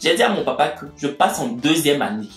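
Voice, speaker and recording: Animated young man telling a story. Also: brisk. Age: young adult. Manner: animated, acts out dialogue with big pitch jumps. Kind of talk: casual personal storytelling. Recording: echoey room, mic at a distance, faint music.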